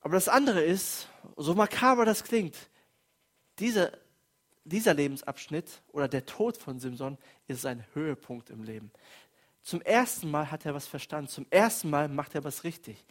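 A man's voice: a little high, normal speed. A man preaching a sermon in an earnest, emphatic way, acting out quoted prayers with feeling.

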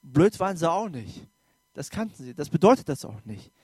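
A man preaching a sermon in German in an informal, direct way, rising loud for emphasis and dropping soft. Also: on the high side, sing-song, normal speed, breathy edge, no room sound.

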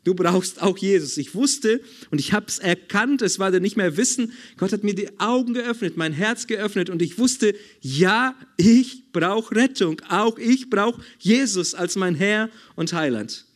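A man's voice: sits high, lively intonation, a little slow, few pauses. A man preaching a sermon in a church service, emphatic and repetitive, calling for amens.

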